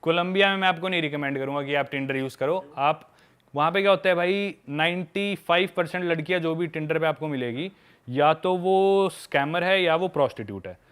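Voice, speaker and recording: Smooth-voiced young man telling travel stories. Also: a little high, normal speed, a bit bright. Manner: candid storytelling, calls listeners "bhai". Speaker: podcast guest sharing travel stories. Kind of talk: casual podcast chat.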